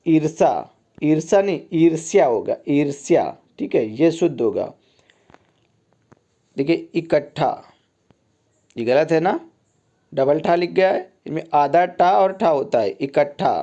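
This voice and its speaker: A man leads a recorded exam-prep lesson, going through words one by one. His voice is a little high but soft and warm in tone. He repeats each point and keeps checking in with his listeners. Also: animated, slow, pauses often. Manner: repetitive teacher, keeps saying "ठीक है" and contrasting wrong and right forms. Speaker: Hindi exam tutor.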